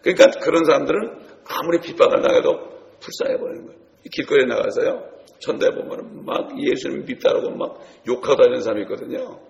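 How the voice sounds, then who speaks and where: A man's voice: mid-range voice, animated, fast talker, creaky, darkish tone, roomy sound, in a large hall, muffled recording. A man preaching a sermon to his congregation, telling stories and speaking to them directly. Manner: storytelling, addresses congregation directly. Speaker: pastor.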